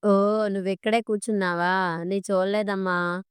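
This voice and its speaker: A woman voicing an eager, money-minded young adult man in a storybook reading, talking in an excited, self-satisfied way. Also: medium pitch, unhurried, smooth, dry recording, clean studio sound, natural voice. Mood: pleased.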